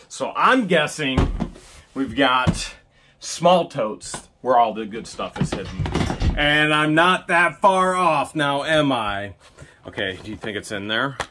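A man in his thirties, hosting and joking as he digs through boxes at a storage unit, recorded outdoors on a body-worn camera. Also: mid-range voice. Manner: chatty, joking while digging through boxes. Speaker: storage unit buyer and host. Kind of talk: casual unboxing commentary. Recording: noisy outdoor recording with handling clicks.

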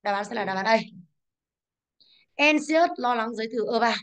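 Brisk woman teaching an exam class. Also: fairly high pitch, fairly bright tone. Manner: brisk, stresses English words, asks class to confirm. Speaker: English teacher.

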